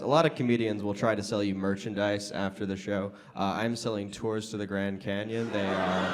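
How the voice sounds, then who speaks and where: An American male stand-up comedian works the crowd from a comedy club stage. He speaks conversationally and straight to the audience, using pauses to set up jokes and leaning on his punchlines. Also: mid-range voice. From Las Vegas, United States. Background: audience laughter.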